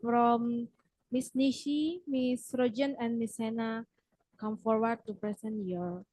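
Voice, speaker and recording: Woman emcee with a mellow dry voice. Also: on the high side, fairly even intonation, no room sound, poor audio. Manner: brisk, calls presenters forward. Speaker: master of ceremonies. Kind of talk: ceremony announcing. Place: ceremony hall.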